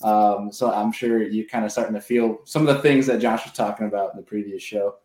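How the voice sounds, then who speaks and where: A man's voice: fairly low pitch, steady tone, a little fast, a little mellow. A man hosting a live podcast in a casual, buddy-like way. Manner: informal, buddy-like address. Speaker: podcast host. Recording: roomy, echoing sound.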